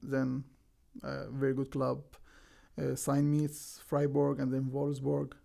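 Egyptian-accented young pro athlete, flat, gravelly delivery, earnest and simple interview answers. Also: male voice, medium pitch, slow pace. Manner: plain, earnest, simple non-native phrasing with restarts. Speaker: guest, professional soccer defender.

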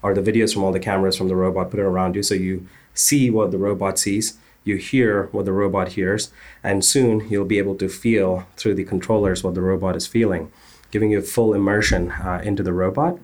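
Founder type, man, low register, earnest and technical, drops "uh" fillers. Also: steady tone, brisk, darkish tone. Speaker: startup founder. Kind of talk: interview answers.

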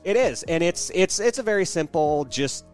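A man's voice: fairly high pitch, animated, moderate pace, faint music behind. A man co-hosting a podcast, talking casually about video games. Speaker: podcast co-host.

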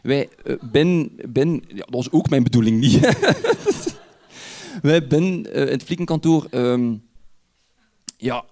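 A Flemish man from Ghent telling a personal anecdote in a lively way, laughing as he goes and using dialect words. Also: medium pitch, measured pace, long pauses. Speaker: storyteller.

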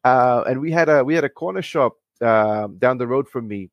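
A man in his forties from Fiji, a comic creator talking as a podcast guest, friendly and halting with many restarts. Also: mid-range voice, dry recording, highs cut off. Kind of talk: casual interview.

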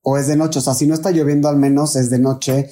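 A man's voice: fairly high pitch, level tone, fast, warm tone. A man, a guest actor in a casual podcast chat, easygoing and agreeable.

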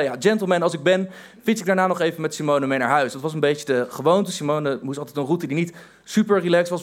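A young man telling a personal story in a wry, self-mocking way, with hesitant fillers. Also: a little high.

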